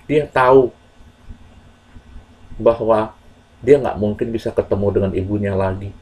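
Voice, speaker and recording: A man telling a moral story to children in a slow, earnest, measured way with pauses. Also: fairly low pitch, a little mellow, slightly rough, low-quality recording.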